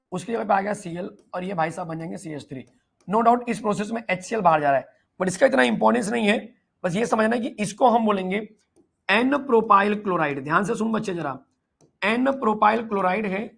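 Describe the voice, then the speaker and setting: A man teaching chemistry in an online lecture, lively and playfully teasing, asking students questions and answering for them. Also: sits high, gravelly.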